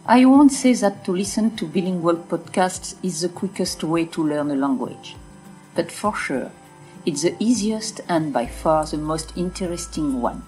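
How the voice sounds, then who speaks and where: A woman with a French accent reading a bilingual French and English lesson slowly and plainly in a blunt, outspoken manner. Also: fairly low pitch, a little mellow. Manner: slow, deliberate and outspoken. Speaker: podcaster teaching French. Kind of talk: scripted bilingual narration.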